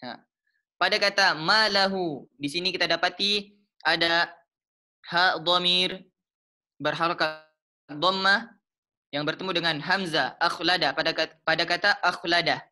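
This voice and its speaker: A man with a Malaysian accent teaching the rules of Quran recitation, explaining slowly and patiently, repeating each term and chanting the example verses. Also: sits high, fairly even intonation, bright, forceful tone. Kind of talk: explaining tajwid rules step by step.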